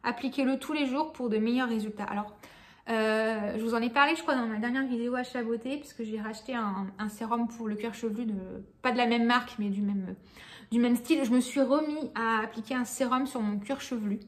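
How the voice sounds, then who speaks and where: A woman's voice: fairly high pitch, steady tone, a little fast. A woman chatting casually about beauty products she has used up, full of fillers, restarts and frank remarks. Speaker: beauty vlogger.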